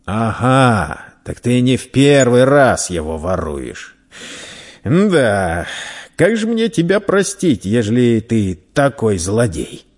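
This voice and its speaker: A man voicing a burly red-bearded merchant who scolds and mocks a young thief loudly. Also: mid-range voice, big pitch swings, slow. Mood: mocking. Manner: loud, scolding, teasing.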